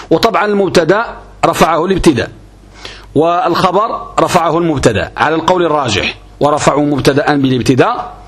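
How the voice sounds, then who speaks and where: A man teaching a grammar lesson on a classical text. He works through it step by step, asking questions and answering them himself. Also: on the high side. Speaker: religious teacher.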